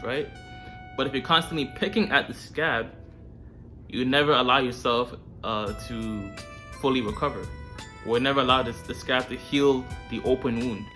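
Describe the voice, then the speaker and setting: A man speaks directly to the viewer as host of a self-improvement series. His voice is bright and forward, and his delivery is informal and full of slang. Music plays softly behind him. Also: mid-range voice. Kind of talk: casual direct-to-viewer advice talk.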